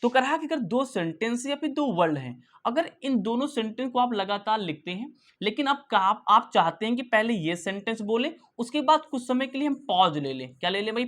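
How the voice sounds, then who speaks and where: A man's voice: sits high, very animated, normal speed, fairly bright tone. A man teaching an English grammar lesson, playful and teasing, asking rhetorical questions and answering them himself and repeating key words for emphasis. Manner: playful, teasing, calls students beta and bhai. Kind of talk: online classroom lesson.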